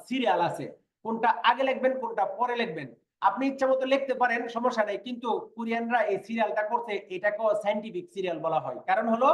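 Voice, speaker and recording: A man's voice: high voice, reverberant. A man teaching a language class online, patiently explaining and repeating sounds and checking that his students follow.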